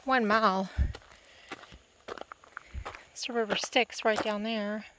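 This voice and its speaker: A woman narrates a casual travel vlog at a medium pitch. She muses aloud in short, loose fragments as she hikes along. The recording is amateur and outdoors, with faint noise and insects around her voice. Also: steady tone, slow. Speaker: vlogger.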